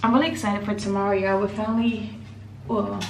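A woman's voice: mid-range voice, flat delivery, brisk, slight background noise. A young woman chatting casually to her camera in a resort hotel room, giggly and talking to her viewers as y'all. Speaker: vlogger. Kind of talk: casual travel vlog to camera. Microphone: handheld camera at arm's length.

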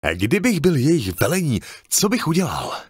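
A man voicing a young soldier in an audiobook battle, shouting urgently in a raised voice. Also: on the high side, wildly swooping pitch, slightly rough, no room sound, pitched above the performer's own voice, exaggerated voice. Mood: tense.

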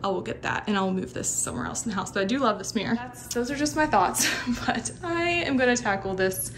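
A woman's voice: on the high side, fairly quick, a bit bright, slight background noise. A woman, chatting casually and rambling as she films a tour of her own house on a handheld phone. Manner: chatty, rambling, self-deprecating, trails off and restarts. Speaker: lifestyle vlogger. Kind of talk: casual home-tour chat. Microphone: phone camera on a handheld stick.

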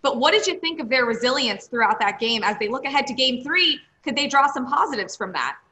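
Bright, high-voiced woman hosting sports. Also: lively intonation, fairly quick. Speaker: sports show host. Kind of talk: polished broadcast interviewing. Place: home room, video call.

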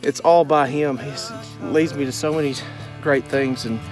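With soft music in the background, a relic-hunting channel host narrates his outdoor dig in the woods or fields at a moderate pace. His medium-pitched voice stays fairly even as he talks to viewers in a casual but earnest, devout way.

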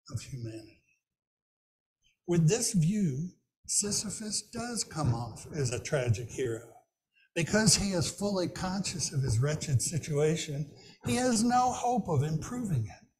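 Minister in his sixties, slow measured sermon delivery, mellow voice, faint rumble behind. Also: poor audio. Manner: slow, measured reading from notes. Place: small church room, indoors.

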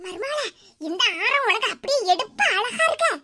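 A woman's voice: very high voice, expressive, normal speed, very noisy, pitched above the performer's own voice. A woman voicing a doting, sentimental mother-in-law in a cartoon, with a Kanyakumari Tamil accent and an affectionate manner. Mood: fond. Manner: affectionate, emotional, often laughing.

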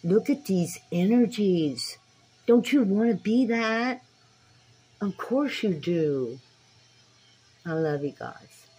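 A woman's voice: mid-range voice, expressive, takes it slowly, pauses often, warm tone, slightly rough, low-quality recording. A woman in her sixties talking earnestly to a phone camera in a small dim room, preaching directly to her viewers. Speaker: spiritual tarot vlogger. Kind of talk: casual talk to camera. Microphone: phone camera at arm's length.

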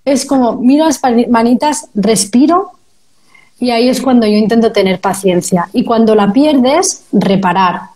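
A woman's voice: fairly high pitch, darkish tone. A woman hosting a live parenting chat, talking conversationally to parents in the audience. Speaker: host of live parenting stream.

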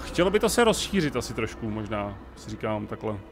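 Gravelly Czech man thinking aloud. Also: fairly low pitch, big pitch swings, noisy background. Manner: thinks aloud, talks to game characters. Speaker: gaming let's-player. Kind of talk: casual game commentary.

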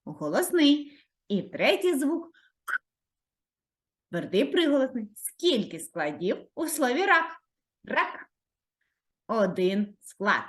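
A woman's voice: a little high, big pitch swings. A woman primary school teacher giving a video reading lesson to young children, drawing words out and encouraging them. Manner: drawn-out, sing-song words for children.

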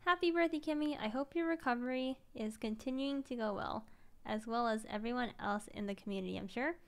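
A tired young woman streamer chatting casually as she reads viewer messages aloud, gushing and emotional, sometimes dropping to a soft whisper. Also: on the high side, fairly quick, creaky, smooth.

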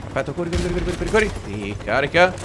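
A man, giving excitable, jokey let's-play commentary as he plays a war game. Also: a little high, racing, background noise. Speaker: gaming commentator. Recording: game gunfire behind.

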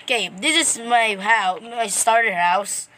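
A woman giving rambling, excitable commentary to viewers while playing a game. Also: a little high, a little slow, background noise. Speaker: gameplay commentator. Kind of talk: casual gameplay commentary.

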